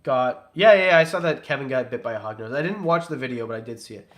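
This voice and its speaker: A man's voice: medium pitch, expressive, quick pace, fairly bright tone. A young man hosting a casual reptile livestream, reading out donations and chatting in a loose, jokey, rambling way. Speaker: reptile breeder and channel host.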